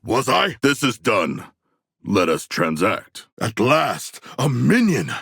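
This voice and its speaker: A man voicing a huge, proud humanoid shark warrior in a video game, speaking in formal, grandiose phrases with a gravelly, husky voice. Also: mid-range voice, wildly swooping pitch, takes it slowly, a bit bright, no room sound, clean studio sound, full character voice. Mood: earnest, matter-of-fact. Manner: formal, grandiose, stilted diction. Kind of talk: video game character voice lines.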